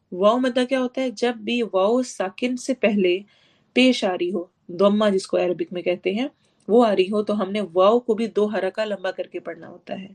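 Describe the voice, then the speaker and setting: A woman teaching a tajweed lesson to her students. She explains recitation rules, asks and answers her own questions, and slowly draws out Arabic words to demonstrate them. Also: mid-range voice, a little mellow. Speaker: Quran teacher.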